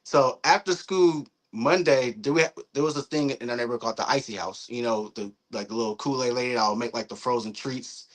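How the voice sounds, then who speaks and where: A young man, a guest in a casual interview, telling a story in a lively, profane way, acting out what people said. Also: mid-range voice, fairly quick, hardly any pauses, rough recording. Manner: animated, profane storytelling with acted-out quotes.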